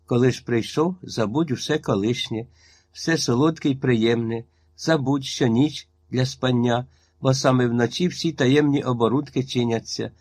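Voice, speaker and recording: A man's voice: medium pitch, normal speed, darkish tone, no room sound, close to an everyday voice. Man voicing a harsh, iron-voiced old witch. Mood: stern. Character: stern old village witch woman, commanding.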